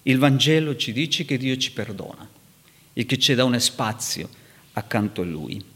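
A man preaching and teaching from scripture, animated and rising sharply in pitch for emphasis. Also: moderate pace. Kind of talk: sermon. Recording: long hall reverb.

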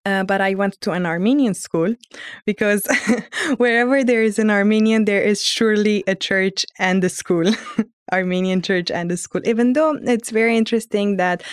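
A woman's voice: mid-range voice, clear, resonant tone, no room sound, studio quality. A young woman, earnestly telling her own story on a podcast, often restarting her phrases. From Lebanon. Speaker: student guest. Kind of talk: reflective personal podcast storytelling.

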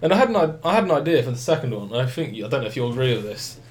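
In a casual gaming chat, a young British man hosting a podcast speaks in a mid-range, sing-song, rapid-fire way. He has a head cold that makes him a bit nasal and blocked up, and his talk rambles with restarts and acted-out quotes.

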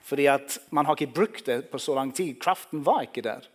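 A man preaching a sermon, telling the story vividly and speaking directly to the listeners. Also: medium pitch.

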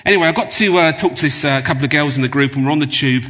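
Man, preacher, chatty storyteller, bright voice, long hall reverb. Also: on the high side, racing. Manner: chatty storyteller, many fillers. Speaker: guest preacher. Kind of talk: sermon with anecdotes. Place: church.

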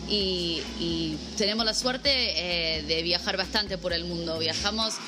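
A woman's voice: on the low side, unhurried, over music. A woman in her twenties from the United States, speaking Spanish with a Buenos Aires accent, easygoing and full of "eh" fillers in an interview. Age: 20s. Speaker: guest, music manager. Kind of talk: casual interview. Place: vegan café.

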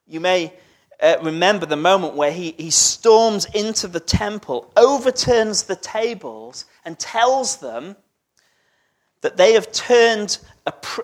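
A preacher giving a sermon, talking conversationally and putting questions to the congregation, with the voice often sinking almost to a whisper. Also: medium pitch.

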